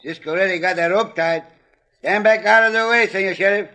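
A man playing an excitable, simple-hearted cowboy sidekick who speaks broken English. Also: high voice, a little fast. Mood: excited.

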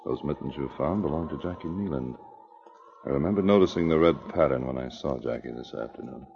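A stern Mountie sergeant. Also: male voice, extremely low pitch, brisk, vocal fry. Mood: determined. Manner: firm, authoritative. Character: stern brave male Mountie sergeant, steady and commanding. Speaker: radio drama actor. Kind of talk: 1950s radio adventure acting. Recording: muffled old radio transcription.

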